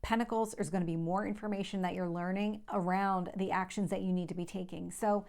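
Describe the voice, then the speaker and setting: This tarot reader and channel host talks fairly quickly in a medium-pitched, creaky voice with a steady, darkish tone and a slight lisp. She gives viewers a conversational reading, reassuring in her explanations and often repeating points.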